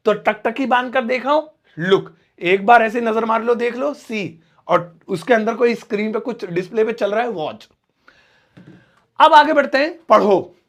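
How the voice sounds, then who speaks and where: His voice sits high with a fairly bright tone as a young man teaches basic English through Hindi. The lesson is explanatory, with key words repeated and everyday situations acted out.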